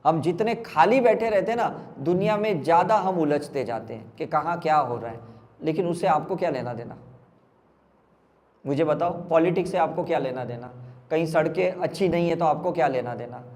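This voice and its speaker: A man's voice: on the high side, normal speed, darkish tone, long reverb tail. Emphatic man quizzing his audience. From India. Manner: keeps asking the audience rhetorical questions, emphatic. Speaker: spiritual healer giving a talk. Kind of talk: motivational talk to a live audience.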